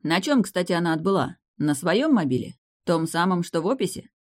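A narrator voicing a breezy, carefree young duke who gives orders in a lively, offhand way. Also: mid-range voice, fairly quick, lightly acted. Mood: brisk, bossy.

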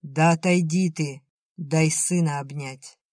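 A man's voice: fairly high pitch, steady tone, slow, a little mellow, dry recording, clean studio sound. A man voicing a stern older village woman seeing her son off to war, in a storybook reading. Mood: gruff tender. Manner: stern, plain-spoken, commanding.

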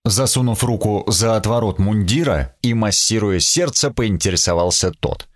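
Low-voiced man reading an audiobook. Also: moderate pace, dry recording, clean studio sound. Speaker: audiobook narrator. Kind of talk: scripted narration.

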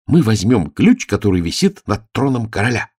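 Man putting on a little girl voice, high and pleading, bouncy, slightly gravelly. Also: very animated, moderate pace, a little mellow, no room sound, clean studio sound, heavily acted. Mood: earnest. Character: mischievous little girl disguised as a page.

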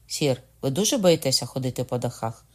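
A male narrator doing a daring, devoted young nobleman in a spoken storybook, urging his king to flee. He speaks in an insistent, pressing way at a middle pitch. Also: animated, brisk, lightly acted. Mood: urgent. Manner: urgent, pressing.

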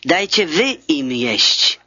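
A man reading the words of a calm, authoritative male teacher in a measured, solemn way. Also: fairly high pitch, breathy edge, dry recording, heavily acted. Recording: dull lo-fi dry recording.

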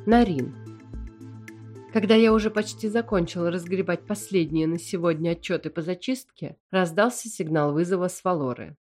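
A woman narrating a fantasy novel in first person with an even, measured reading. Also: lowish voice, soft background music. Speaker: audiobook narrator.

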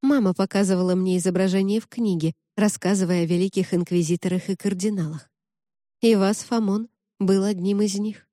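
A woman reads a first-person adventure audiobook in a steady storytelling manner. Her voice is warm and mellow, recorded dry and close with no room sound. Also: mid-range voice, brisk, no echo. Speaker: audiobook narrator.

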